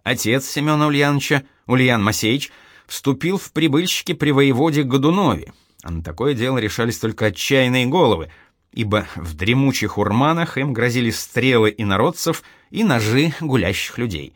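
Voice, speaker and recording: A man narrating an audiobook in a dramatic, expressive storytelling manner on a close studio mic. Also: medium pitch, moderate pace, dry recording.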